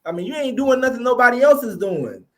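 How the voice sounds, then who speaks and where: A man hosting a podcast, talking in quick, blunt casual commentary. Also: very high-pitched, lively intonation, sharp tone. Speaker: podcast host.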